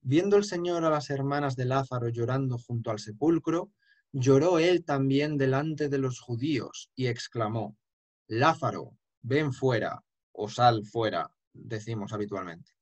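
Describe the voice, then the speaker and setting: Speaking a little slowly in a mid-range voice, this man teaches a lesson on chant. He explains things emphatically and sings brief examples to illustrate.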